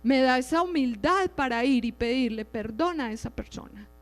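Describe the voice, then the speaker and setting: A middle-aged woman gives a religious talk in a fairly high voice, speaking conversationally and often asking her listeners "right?". Her voice rings with a long hall reverb. Soft music plays faintly underneath. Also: expressive, normal speed. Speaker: lay preacher giving testimony. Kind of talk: religious teaching with personal testimony.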